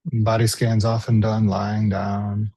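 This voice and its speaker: A man leads a body scan in a lowish, breathy-husky voice, speaking gently and leaving space between phrases like an unhurried meditation teacher. His delivery is flat, and the recording is dry, with very little room sound.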